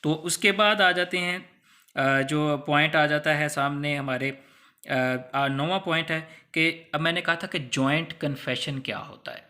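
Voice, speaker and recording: With a fairly high, bright and forceful voice, this Pakistani-accented man lectures on law at an unhurried pace. His style is conversational yet didactic: he walks through points step by step, uses English legal terminology, and plays out hypothetical scenarios.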